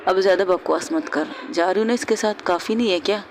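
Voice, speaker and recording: A woman's voice: fairly low pitch, fast talker, slight background noise, close to an everyday voice. A woman voicing a bossy young woman who bluntly scolds her friend in a told story. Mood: scolding.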